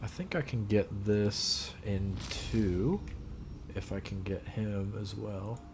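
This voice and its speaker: A man's voice: fairly low pitch, takes it slowly, noisy background. A man casually commentating his gameplay, thinking aloud and muttering his plans as he goes. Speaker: gamer.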